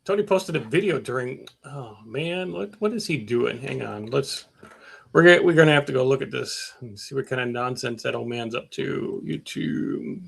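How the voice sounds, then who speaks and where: A man's voice: mid-range voice, moderate pace, creaky, fairly bright tone, slightly rough. A middle-aged man hosting a casual live stream about his car work, rambling with lots of fillers and reading out viewer comments. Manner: rambling, self-mocking, many fillers.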